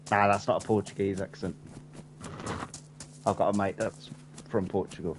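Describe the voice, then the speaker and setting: A relaxed man trades stories with a friend over a game session. His talk is casual and loose, the voice of a storyteller who likes to imitate the people he describes. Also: lowish voice, normal speed, noisy background. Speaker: gamer. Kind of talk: casual chat while gaming.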